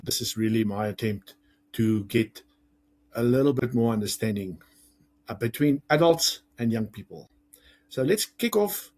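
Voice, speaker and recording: A man with a South African accent giving a lively, conversational talk to parents, explaining ideas with jokes and acted-out examples. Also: medium pitch, measured pace. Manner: lively, conversational, jokes and acts out quoted lines. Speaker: parenting coach and teacher. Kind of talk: educational talk to camera.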